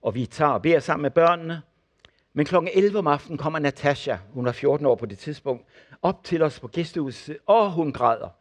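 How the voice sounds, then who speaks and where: Older man telling lively sermon stories. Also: a little high. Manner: animated storyteller acting out the people in his stories. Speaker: preacher and former missionary. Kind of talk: sermon testimony.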